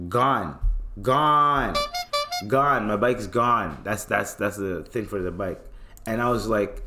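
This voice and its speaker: A young man casually telling a story on a podcast, slangy and swearing freely. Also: on the low side. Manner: laid-back slangy, swears freely, repeats filler phrases. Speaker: podcast host.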